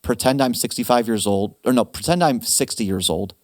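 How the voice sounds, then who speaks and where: A man hosting a retirement planning webinar, talking casually with animated asides and quick restarts. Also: medium pitch, no echo, clean studio sound. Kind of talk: casual advice talk.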